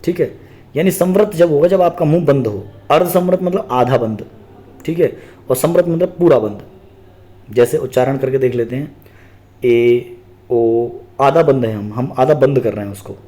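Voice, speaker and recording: Guy teacher going over exam grammar, warm low-key tone, keeps asking then answering himself. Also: normal speed. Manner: explains step by step, asks and answers his own questions, repeats key terms. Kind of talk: exam-prep grammar lesson.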